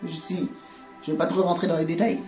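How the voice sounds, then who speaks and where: A woman giving a conversational faith testimony, animated, laughing often and repeating words. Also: fairly low pitch, a little fast. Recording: echoey room with faint music.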